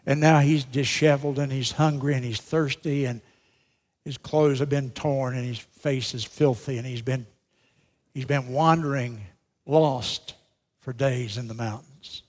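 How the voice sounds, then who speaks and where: A middle-aged male pastor preaching a sermon, swinging between loud, emphatic lines and hushed, slowed-down phrases. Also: medium pitch, fairly even intonation. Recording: long reverb of a large hall.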